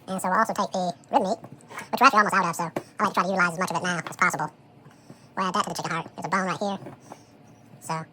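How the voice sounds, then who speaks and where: Sped-up chipmunk voice, fast and bright. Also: slight background noise. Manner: relaxed, thinks aloud with frequent "um" and "so". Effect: sped-up chipmunk voice, high and fast. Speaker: home cook preparing dog food. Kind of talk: casual how-to commentary while working.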